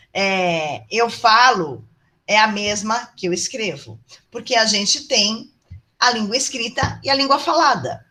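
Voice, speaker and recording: A woman's voice: on the high side, a bit bright. A woman teacher with a Brazilian accent giving a chatty online lecture, often checking in with the class, speaking into a computer mic on a video call. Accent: Brazilian Portuguese. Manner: chatty, affectionate, asks the class "tá bom?".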